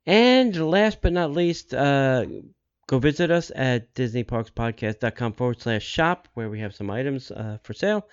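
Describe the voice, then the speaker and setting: A man with a smooth, clear voice hosts a podcast, running through announcements casually. His delivery halts and circles back to repeat details. The sound is a bit dull. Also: mid-range voice, expressive, normal speed. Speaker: podcast host.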